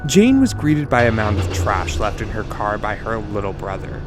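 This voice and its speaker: Lively male podcast storyteller. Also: moderate pace, music in the background. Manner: lively conversational storytelling with wide pitch swings. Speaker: narrator and podcast host. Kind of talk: storytelling narration.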